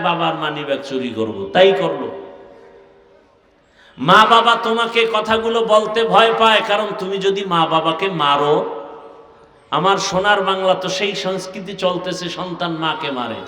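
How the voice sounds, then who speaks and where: A man with a Bangladeshi Bengali accent preaching a fiery sermon, chanting quotations in a singsong and shouting rebukes at his listeners. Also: fairly high pitch, normal speed. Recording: echoey hall from far off.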